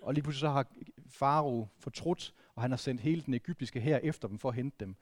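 A man's voice: mid-range voice, no echo. A man from northern Denmark preaching a sermon in a conversational way, often restarting and adding questions to the congregation. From Vendsyssel, Denmark. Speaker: pastor.

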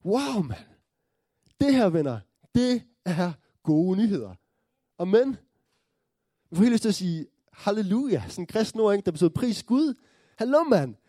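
A man preaching a sermon, telling the story earnestly, checking in with his listeners through tag questions and building to joyful excitement. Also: high-pitched, few pauses, dry recording, studio quality.

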